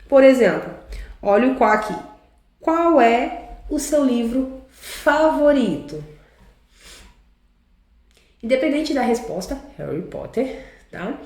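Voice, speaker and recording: A woman's voice: fairly high pitch, warm tone. Woman teacher in an echoey room. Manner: explains slowly, often tags sentences with a question. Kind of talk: online class lesson.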